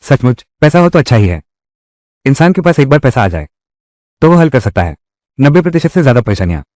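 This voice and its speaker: A man voices a cocky young college student reborn into his youth, teasing and wry in his asides. His voice rises and falls in a lively way, recorded close and dry with no room sound. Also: mid-range voice, a little fast, no room sound, natural voice. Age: young adult. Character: reborn young male college student, cheeky and self-assured. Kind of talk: dubbed drama dialogue.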